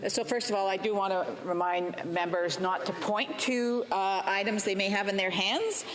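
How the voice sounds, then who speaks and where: A woman chairing a parliamentary debate, giving procedural rulings in an official, halting, admonishing way. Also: medium pitch. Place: large parliamentary chamber. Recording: reverberant chamber.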